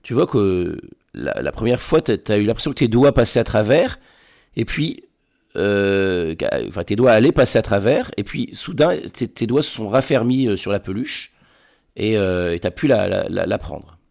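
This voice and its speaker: A man narrating a tabletop role-playing game as game master, halting and often repeating words. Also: lowish voice, expressive, vocal fry, darkish tone.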